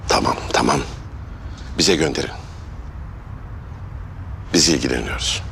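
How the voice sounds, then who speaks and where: A very deep, gravelly commander, terse, music behind. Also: male voice, animated, a little slow, a bit bright, a little hiss or hum, heavily acted. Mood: stern. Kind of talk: television drama acting.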